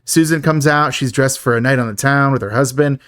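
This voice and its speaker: A man's voice: mid-range voice, steady tone, a little fast, a bit bright, no echo, clean studio sound. A man co-hosting a podcast, recapping a film in a chatty, joking way and laughing often. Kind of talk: casual chat.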